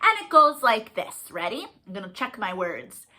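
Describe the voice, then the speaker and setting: Reading, explaining and singing to young listeners, a woman runs an animated children's storytime in simple, sing-song phrases. Her mid-range voice is very animated, bright and forceful at a moderate pace, expressive and encouraging.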